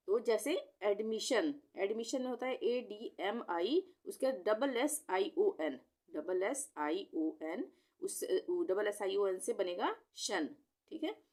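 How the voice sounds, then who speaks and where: Slow, patient woman teacher spelling words out. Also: medium pitch, darkish tone. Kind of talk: spelling lesson, sounding out words.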